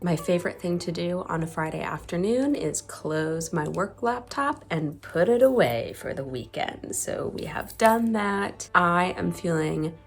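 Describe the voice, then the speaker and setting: A woman's voice: fairly low pitch, expressive, a little slow, gravelly, few pauses. A young adult woman vlogging in a candid, chatty way, still congested from a cold. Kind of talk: casual vlog chat. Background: music.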